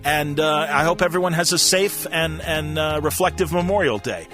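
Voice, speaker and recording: A man with a fairly high, somewhat bright voice speaks at normal speed, hosting a podcast casually and with enthusiastic appreciation as he wraps up an interview and signs off the show. Faint music plays behind him.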